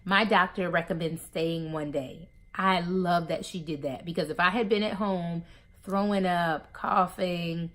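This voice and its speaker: A woman's voice: on the low side, measured pace. A woman talking casually to her viewers, giving advice from her own experience and often calling them "y'all". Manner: animated, addresses listeners as "y'all". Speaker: vlogger sharing surgery recovery tips. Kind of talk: casual advice talk to camera.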